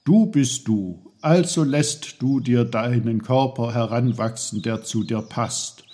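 A man's voice: medium pitch, slow pace, dark tone, lightly acted. A man voicing a fussy, know-it-all little uncle who lectures a boy. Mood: lecturing. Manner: busy, lecturing.

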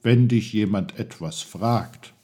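A man's voice: fairly low pitch, slow pace, darkish tone, slightly rough. A man voicing a kindly, playful guide who patiently explains things to a boy in a storybook reading.

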